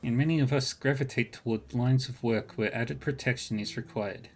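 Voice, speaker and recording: A man's voice: medium pitch, moderate pace, a little hiss or hum, natural voice. A man voicing a precise, self-assured designer of fashionable body armor, speaking in a formal way. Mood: poised.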